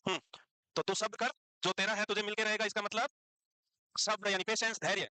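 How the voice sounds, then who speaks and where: A man's voice: high-pitched, fairly even intonation, fairly quick, pushed and bright, dry recording, poor audio. A male teacher, lecturing a class and teasing and scolding students as he quizzes them.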